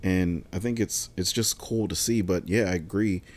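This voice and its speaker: A man's voice: sits low, moderate pace. A man hosting a podcast in casual conversation, enthusiastic and chatty, quizzing his co-hosts. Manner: enthusiastic, animated asides. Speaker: podcast host.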